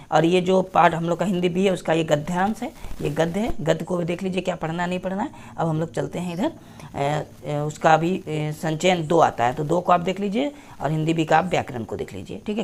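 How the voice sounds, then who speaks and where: A woman's voice: lowish voice, darkish tone. Woman teacher reading a syllabus aloud. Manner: repetitive, checks in with "theek hai". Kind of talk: screen-share syllabus walkthrough.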